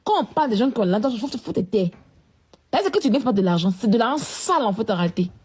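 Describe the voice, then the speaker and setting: A woman's voice: fairly high pitch, very animated, fast, darkish tone, husky. A woman ranting at someone in a scolding, repetitive, confrontational way. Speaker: vlogger. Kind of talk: live-stream rant.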